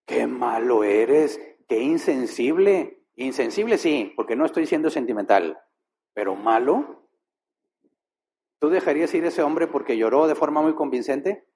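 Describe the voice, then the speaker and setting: A man preaching a sermon as pastor, posing rhetorical questions and shifting his pace and loudness for effect. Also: fairly high pitch, animated, normal speed, a little hiss or hum.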